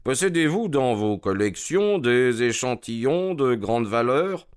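A man voicing a calm male detective who asks measured, courteous questions. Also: medium pitch, smooth. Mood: probing.

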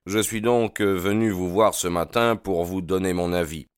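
A man reading aloud as a brilliant, self-assured detective who speaks with brisk, earnest cordiality. The voice lifts brighter and a touch louder than his low narrating tone. It is recorded close and dry, with no room sound. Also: smooth, dry recording, close to an everyday voice. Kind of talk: audiobook character reading.

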